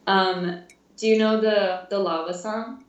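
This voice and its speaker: A woman in her twenties, a music therapy intern, chats casually in an interview, laughing often and using plenty of fillers. Her voice is medium-pitched, steady and slow, and the recording sounds roomy, distant and dull.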